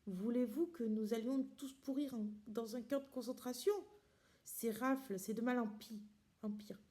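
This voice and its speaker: A woman reading the lines of a wary, elegant man in hiding who speaks in a hushed, cautious way. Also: fairly high pitch, moderate pace, close to an everyday voice.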